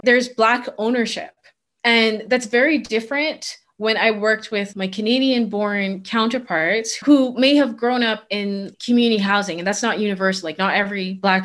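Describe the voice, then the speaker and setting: A woman's voice: medium pitch, a bit bright. A woman from the Bahamas, a career coach, speaking candidly and emphatically in an interview. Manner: candid, emphatic, laughs in disbelief at anecdotes. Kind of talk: conversational interview.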